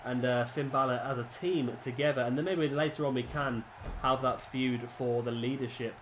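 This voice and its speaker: A man with a cold-congested, medium-pitched voice chats his way through a video game as a gaming commentator, rambling and restarting often. His tone is steady and a bit bright, his pace moderate, and there's slight background noise.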